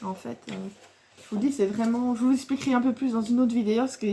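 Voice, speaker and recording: A woman's voice: on the high side, fairly even intonation, quick pace, mellow, slight background noise. A woman vlogging casually to camera about her craft haul, rambling and chatty, with many fillers, restarts and frequent laughs. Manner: laughs often while talking.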